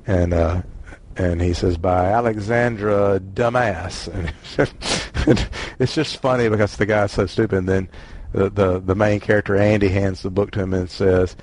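A man's voice: low-pitched, steady tone, normal speed, a little mellow. A man with a Southern US accent hosting a casual book discussion, rambling and self-deprecating. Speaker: book club host.

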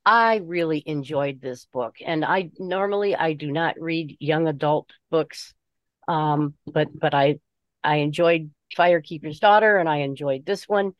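A book group member shares her opinions in an informal discussion, speaking haltingly and deliberately as she hunts for the right words. Her voice sits low, and the recording has no room sound, with the highs cut off.

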